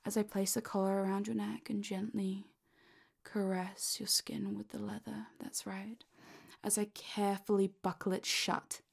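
Woman, hypnosis guide: husky, flat-toned whisper, soft and commanding. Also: medium pitch, moderate pace. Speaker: hypnosis audio creator.

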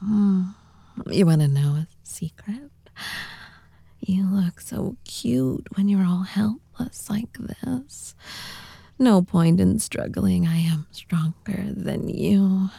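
A woman acts out a supernatural seductress who is teasing and firmly in control. The whispered role-play is intimate and right in your ear, very slow and breathy, with some creak in the voice. It is recorded close and dry. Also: medium pitch, no echo, exaggerated voice. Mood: teasing, dominant. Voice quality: breathy, hushed. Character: dominant, teasing seductress with many supernatural selves. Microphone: very close microphone.

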